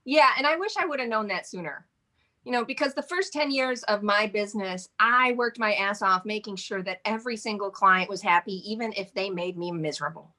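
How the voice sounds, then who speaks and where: Fairly quick and medium-pitched, her voice sounds pushed and bright. She's in her forties, from Michigan, and owns a modeling agency, guesting on a casual interview where she rambles, chats and frequently laughs.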